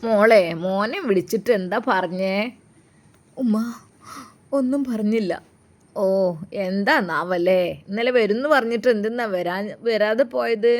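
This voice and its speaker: A woman voicing an elderly grandmother who gently soothes and reassures in a low, soft voice. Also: unhurried, pauses often, close to an everyday voice. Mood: soothing. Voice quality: soft, lowered voice. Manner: coaxing, reassuring.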